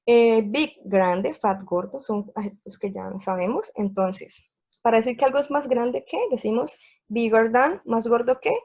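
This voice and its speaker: A woman's voice: a little high, creaky, a little mellow. A woman teaching a grammar lesson over slides, explaining step by step in a patient way and checking in with her viewers. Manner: patient, repeats steps, checks in with "¿sí?" and "listo". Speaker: English teacher. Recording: dull lo-fi sound.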